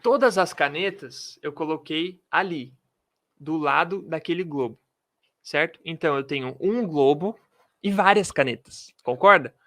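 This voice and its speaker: Slow, dry-voiced man teaching English. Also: a little high, fairly bright tone, no room sound. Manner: slow, drilling pronunciation with repetitions. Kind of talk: video lesson. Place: room with pens and a globe.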